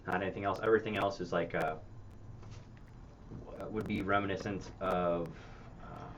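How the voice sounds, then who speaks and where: A man's voice: low-pitched, fairly even intonation, normal speed. A man running a tabletop game as game master, rambling and hesitant, often laughing. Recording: muffled stream audio with noise.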